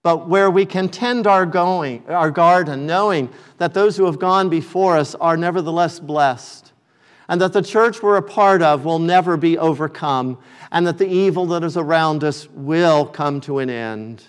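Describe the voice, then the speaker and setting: Man preaching a measured, emphatic sermon. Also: on the high side, clean tone. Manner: measured, emphatic preaching with slow deliberate phrasing. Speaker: pastor.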